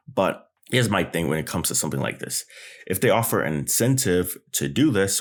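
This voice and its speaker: Deep-voiced blunt gaming vlogger. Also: male voice. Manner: blunt, ranting, casual. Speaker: gaming YouTuber. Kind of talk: gaming news commentary.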